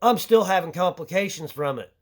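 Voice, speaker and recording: Talking fairly fast with a high, lively voice, this male vlogger unloads his anger on camera in a foul-mouthed, crude tirade. At times he gets short of breath as the swearing piles up.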